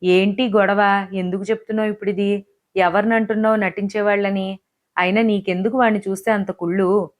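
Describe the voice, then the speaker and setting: A woman's voice: mid-range voice, flat delivery, brisk, lightly acted. A woman voicing a frustrated young husband in an audiobook, reproachful and heated, in her own near-normal voice. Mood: angry. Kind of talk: audiobook character voice.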